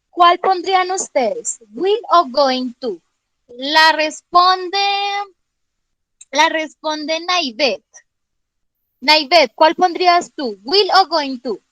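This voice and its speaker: High-voiced woman teacher quizzing students. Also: very slow, long pauses, a bit bright, no room sound, poor audio. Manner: patient, checks understanding with frequent questions; calls on students by name. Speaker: English teacher. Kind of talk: online class explanation.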